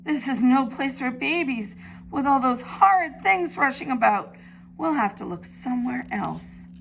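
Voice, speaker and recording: A woman's voice: high voice, expressive, measured pace, creaky, fairly bright tone, slight background noise, pitched above the performer's own voice, full character voice, low-quality recording. A woman voicing a fussy, anxious mother duck in a storybook, with an emphatic delivery. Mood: indignant.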